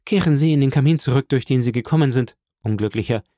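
A man's voice: mid-range voice, fast talker, mellow, no echo, studio quality, natural voice. A man voicing a proud, cold young woman in an audiobook reading, speaking in clipped commands. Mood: stern.

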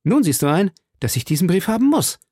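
A bold young musketeer who barks his orders and threats with fiery urgency, as a male reader acts him out. The voice is pitched well above the reader's own and carries a gravelly edge. It is recorded close and dry. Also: expressive, normal speed, darkish tone, dry recording, exaggerated voice. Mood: commanding. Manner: commanding, threatening.

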